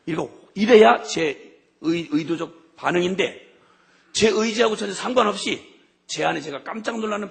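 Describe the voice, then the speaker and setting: Man, middle-aged, preaching a sermon, very gravelly voice, slightly high pitch, passionate, hushed to shouting. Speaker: missionary preacher.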